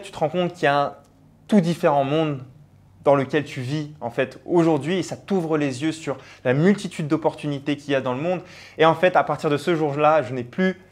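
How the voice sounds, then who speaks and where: A young man, a personal branding coach, talking earnestly and directly to the viewer in a motivational vlog, with frequent fillers. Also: on the high side. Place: abroad on travel.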